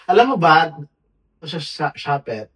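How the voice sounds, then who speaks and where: A woman co-hosting a podcast, chiming in with quick reactions and asides in mixed Tagalog and English. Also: deep voice, very animated, far from the mic. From Philippines. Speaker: podcast co-host. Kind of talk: casual chat.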